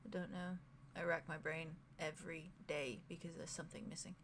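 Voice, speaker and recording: A woman's voice: deep voice, level tone, a little fast, gravelly, a crowd in the background, voice pushed down. A woman playing a bleak, sardonic brooding man. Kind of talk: tabletop role-play in character.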